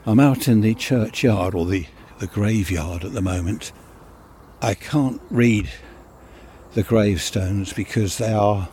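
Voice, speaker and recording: A vlogger from West Sussex, England, narrates a casual walkabout on a handheld microphone, chatting, rambling and thinking aloud. His voice is on the low side and warm, with slight background noise.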